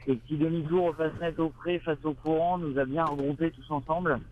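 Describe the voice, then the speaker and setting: A man's voice: on the high side, steady tone. Man over a tinny radio link. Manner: halting, full of hesitations and restarts. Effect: heard over a crackly radio link from a boat. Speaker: sailing race skipper. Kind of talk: casual live interview.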